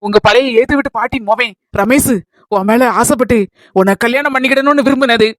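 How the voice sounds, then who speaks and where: A woman acting a motherly village woman in a comedy skit, with a Kanyakumari Tamil accent, calmly explaining. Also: fairly high pitch, a little fast, dry recording, natural voice. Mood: coaxing. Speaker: skit actress.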